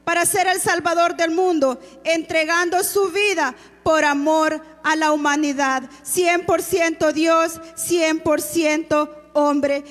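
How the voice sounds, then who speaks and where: A woman's voice: very high-pitched, fairly bright tone, long reverb tail. A woman giving a solemn, reverent devotional address to a church. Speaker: church speaker.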